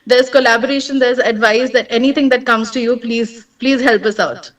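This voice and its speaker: Woman, Indian accent, young, high voice, earnest presenter, distant remote audio. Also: steady tone, moderate pace. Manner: earnest, heartfelt. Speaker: startup co-founder.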